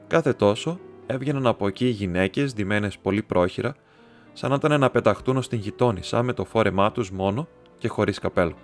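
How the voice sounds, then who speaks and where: A man narrating an audiobook in a steady, measured storytelling manner. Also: lowish voice. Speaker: audiobook reader. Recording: soft instrumental music underneath.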